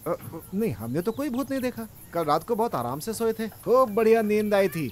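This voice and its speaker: A stammering, cowardly young student. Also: male voice, high voice, big pitch swings, a little fast. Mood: comic. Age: young adult. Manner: stammering, fearful. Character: cowardly young male student, comic and whiny. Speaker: college student. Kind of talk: Hindi film dub.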